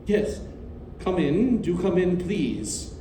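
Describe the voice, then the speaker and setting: Male actor formal controlling doctor, highish voice, stage drama, distant roomy recording. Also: big pitch swings, takes it slowly, background noise, heavily acted. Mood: courteous. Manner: formal, courteous, authoritative. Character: genteel, controlling doctor, uncle to orphan girl. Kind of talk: stage play acting.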